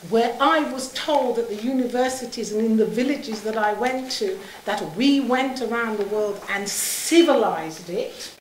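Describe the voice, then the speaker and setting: A woman's voice: fairly high pitch, a little hiss or hum. A middle-aged woman from Saint Kitts who moved to England as a child, giving an impassioned public talk in an emphatic, rhetorical manner with repetition and pointed questions. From Saint Kitts in the Caribbean, moved to England aged seven. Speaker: public speaker. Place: indoor room, speaking to an audience. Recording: roomy, echoing live talk.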